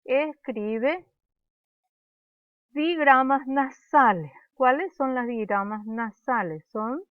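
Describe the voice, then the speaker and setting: In a dry, tinny, lo-fi recording, a high-voiced woman leads young pupils through a language lesson. Patiently and slowly, she calls out each letter and syllable for the class to echo back, drilling sounds one by one.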